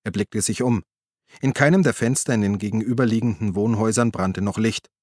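A man reading a crime novel aloud in a steady, measured narration. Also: on the low side, no room sound, studio quality. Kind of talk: scripted narration.

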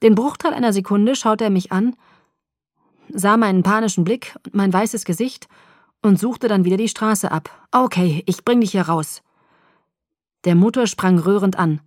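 A woman's voice: medium pitch, normal speed, no echo, studio quality. Woman narrating an audiobook. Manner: steady, even first-person storytelling.

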